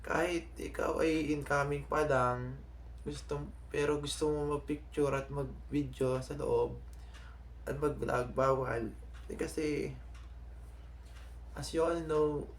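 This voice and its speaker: A young Filipino man vlogging to his subscribers in a casual, halting way, often stopping to restart and correct himself. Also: on the high side, vocal fry, a little hiss or hum. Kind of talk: casual vlog talk to subscribers.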